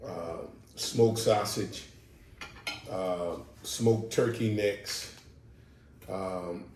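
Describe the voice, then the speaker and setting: A husband and father from New Orleans, with a local accent and a low, fairly flat, very slow, slightly mellow voice, talks during a casual family mukbang at the dining table. He explains at length, with many fillers and firm emphasis. The mic is distant, with room echo and faint noise.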